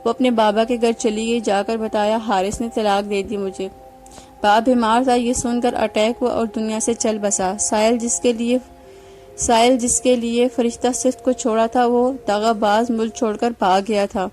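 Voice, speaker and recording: A woman narrating a moral story in a steady reading voice, with faint music behind. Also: fairly high pitch. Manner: steady, even reading with small restarts.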